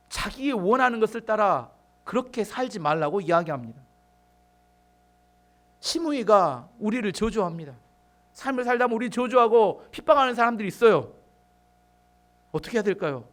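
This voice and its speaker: A man preaching with a high, animated voice that climbs and falls a lot. He reads scripture in a calmer, softer tone, then rises into loud, emphatic exhortation. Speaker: pastor. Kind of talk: sermon.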